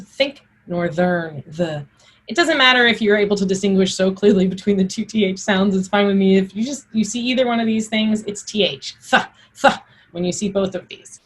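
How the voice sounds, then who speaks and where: Husky woman teaching Old English pronunciation. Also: mid-range voice, fast talker, hardly any pauses. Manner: informal, explanatory, enunciates examples. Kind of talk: spoken pronunciation lesson with Old English words sounded out and recited.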